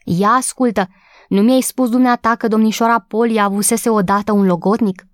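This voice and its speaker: A woman voicing an excitable young housemaid who is gossipy, breathless and quick to take offense, in an audiobook reading. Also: a little high, dry recording, clean studio sound, lightly acted. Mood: excited. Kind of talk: audiobook character voice.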